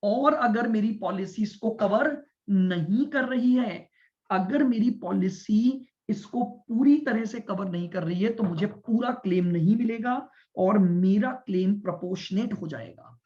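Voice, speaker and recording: High-voiced male commerce teacher lecturing. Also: a little mellow. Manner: explains step by step, repeats points and checks understanding with students; speaks deliberately and stresses listening. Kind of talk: classroom lecture. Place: classroom with students. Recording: dull lo-fi lecture recording.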